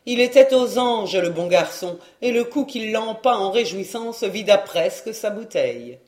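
A man reading a classic novel aloud as an audiobook, in measured storytelling. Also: sits high, expressive, a little mellow. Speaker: audiobook reader. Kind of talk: audiobook narration. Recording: roomy echo.

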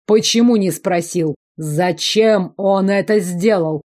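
A woman's voice: medium pitch, slow pace, darkish tone. A woman voicing a stern, sarcastic young male minister from a fantasy audiobook, speaking in dry, stern tones.

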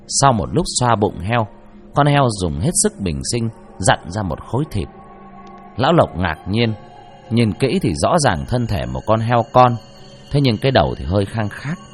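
A man narrating a ghost story in a dramatic, expressive way. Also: lowish voice.

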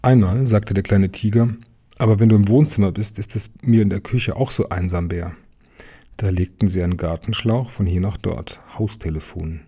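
A man reading a children's story aloud in a gentle way, adding small asides to the listener. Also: low-pitched, moderate pace, husky. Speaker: reader of a children's book.

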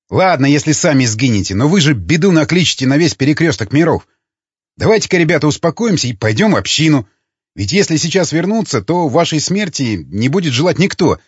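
Guy reading a husky grumbling loyalist who lectures everyone, lively pitch, dull lo-fi sound. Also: brisk, no room sound. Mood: persuading. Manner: hectoring, argumentative. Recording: dull lo-fi recording.

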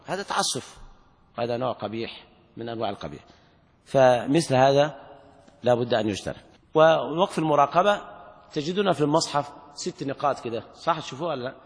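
A man teaching the rules of Quran recitation in a classroom lecture. He asks the class questions and slowly draws out words to demonstrate them. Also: medium pitch. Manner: slow, drawn-out demonstrations of recitation. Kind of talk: classroom lecture explaining a text. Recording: long reverb of a large hall.

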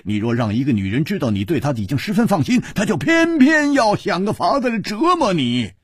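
A man voicing a boisterous, hearty swordsman who talks loudly and keeps breaking into laughter. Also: big pitch swings, a little fast, husky, no room sound, studio quality, full character voice. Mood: gleeful. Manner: loud, booming, bursts of laughter.

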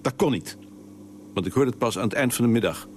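An actor playing a weary, laconic husband who answers in short, dry replies in a radio drama. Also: male voice, medium pitch, lively intonation, brisk, a little hiss or hum, close to an everyday voice. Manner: terse, dry, curt replies. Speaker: husband, office worker.

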